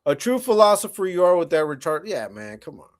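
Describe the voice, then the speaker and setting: A man's voice: sits high, sing-song, a little fast. A man hosting a livestream, ranting bluntly and profanely while answering chat comments in a confrontational, mocking way. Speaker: livestream host.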